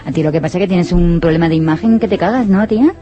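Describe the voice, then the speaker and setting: A woman's voice: on the low side, racing, dark tone, dull audio, soft background music, natural voice. A woman voicing Lie as a brash, slangy, bossy woman who talks in a crude, streetwise way.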